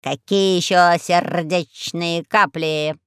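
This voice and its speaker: A woman's voice: lowish voice, steady tone, slow pace, fairly bright tone, clear, resonant tone, no echo, studio quality. Woman voicing a sly, greedy old crow. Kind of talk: audiobook character voice.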